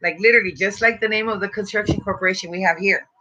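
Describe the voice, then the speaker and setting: Bright-voiced young stoner woman, slangy and sweary. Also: mid-range voice, steady tone, racing. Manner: slangy, profane stoner talk. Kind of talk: casual chat. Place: small dim bedroom indoors. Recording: dull lo-fi room recording.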